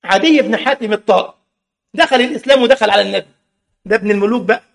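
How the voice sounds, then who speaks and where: A man's voice: sits high, rapid-fire, creaky. A man with an Egyptian Arabic accent preaching a sermon, impassioned, full of rhetorical questions and mocking asides.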